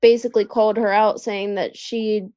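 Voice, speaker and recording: A woman's voice: mid-range voice, flat delivery, moderate pace, dark tone, smooth, no echo. A woman co-hosting a casual podcast chat, telling gossip with lots of fillers. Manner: chatty, filler-heavy retelling of gossip.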